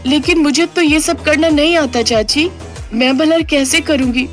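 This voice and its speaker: A woman's voice: unhurried, faint music behind. A woman voicing a quarrelsome young girl who pleads and whines. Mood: whiny. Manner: high, pleading, whining. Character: quarrelsome young daughter, whiny.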